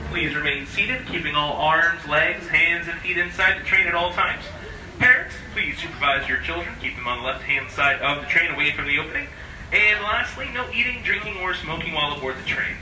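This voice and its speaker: A man as train conductor giving a folksy, cheerful safety announcement over the train loudspeaker. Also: sits high, distant mic. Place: open-air train carriage. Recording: echoey loudspeaker heard from afar with rail noise.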